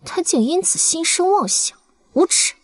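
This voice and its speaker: Brief: a scornful, imperious noble lady, high and animated. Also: normal speed. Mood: haughty. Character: haughty, vain young noblewoman.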